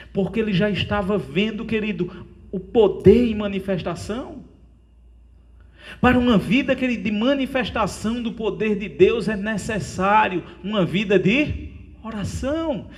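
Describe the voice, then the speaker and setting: Brazilian male pastor, high-pitched, earnest sermon delivery that keeps addressing listeners as "dear". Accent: Brazilian Portuguese. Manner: earnest preaching, often calls listeners "querido".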